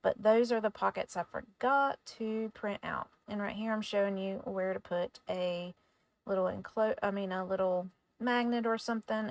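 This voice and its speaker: A woman hosting a craft tutorial in a casual voice-over, chatty and relaxed, sometimes stumbling over her words. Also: medium pitch, vocal fry, no echo.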